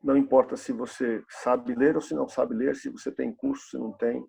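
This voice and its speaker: A man's voice: mid-range voice, level tone, fairly quick, vocal fry, darkish tone, husky. A pastor in his fifties preaching a sermon in a church, asking the congregation rhetorical questions and repeating key phrases. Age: 50s.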